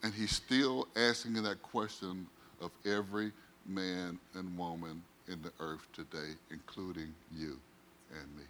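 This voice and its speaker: A pastor preaching a sermon, swinging from loud declarations to hushed, slow, dramatic phrases. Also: male voice, deep voice, fairly even intonation, slight background noise.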